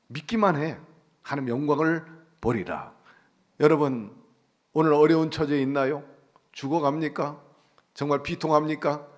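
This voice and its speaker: A man preaching a sermon as pastor in a church, emphatic, with rhetorical questions and rising exclamations. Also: medium pitch. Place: church sanctuary.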